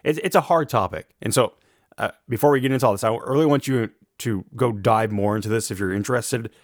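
A man with a gravelly voice, rough from allergies, giving an informal lecture in a measured, carefully qualified way. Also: medium pitch, no room sound, studio quality. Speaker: theology lecturer.

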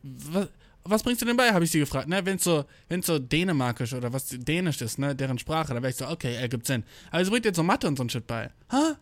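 A man's voice: a little high, big pitch swings, quick pace, no echo. A young man in a casual rambling monologue, heavy on slang and swearing. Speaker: vlogger. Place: indoors, travelling abroad.

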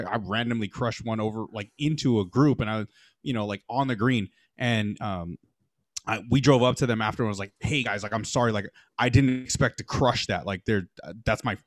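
Young man, casual golf chat, animated storyteller, dry recording. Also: medium pitch, fairly quick, no echo. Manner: animated storyteller, acts out quoted voices, many fillers.

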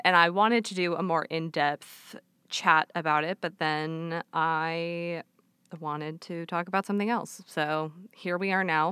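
A young woman hosts a casual solo podcast, talking in a loose, rambling way that keeps breaking off and circling back. Her voice is bright and a little low-pitched for a woman. It is recorded close and dry, with no room sound. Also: smooth, no room sound. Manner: rambling, self-interrupting, laughs often. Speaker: podcast host.

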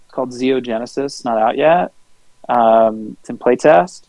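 A man co-hosting a podcast, telling a rambling, laid-back story in casual chat, swearing freely and filling pauses with ums and uhs. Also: medium pitch, darkish tone, no echo, low-quality recording. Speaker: podcast co-host.

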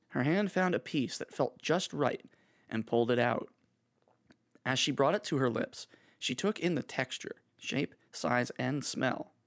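A man narrating a scripted horror story in a steady, measured reading. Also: medium pitch.

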